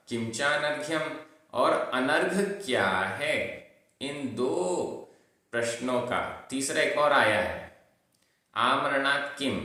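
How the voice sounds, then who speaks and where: Slow, echoey male scripture teacher. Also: medium pitch, pushed and bright. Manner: slow, deliberate recitation, repeating and chanting verse words. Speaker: Prakrit teacher. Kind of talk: verse-by-verse scripture lesson. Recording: very echoey room.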